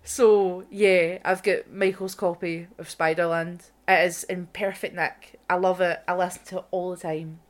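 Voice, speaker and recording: A woman's voice: on the low side, normal speed, hardly any pauses. Sweary Scottish woman co-hosting. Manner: sweary, animated storytelling. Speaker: radio show co-host. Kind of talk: casual chat.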